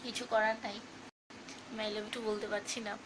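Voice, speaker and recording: A woman's voice: medium pitch, level tone, normal speed, background noise. A woman hosting a casual live stream, reading fan comments aloud in a chatty, teasing way and singing snatches of song. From Bangladesh.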